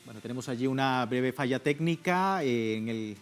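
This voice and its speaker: A man's voice: mid-range voice, lively intonation, moderate pace. A man presenting a news and interview programme as its host. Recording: music playing behind the voice. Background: music.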